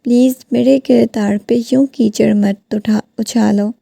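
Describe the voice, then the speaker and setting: A woman voicing a heartbroken, tearful young wife who pleads softly, in a creaky voice. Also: a little high, fairly even intonation, dry recording. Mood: pleading.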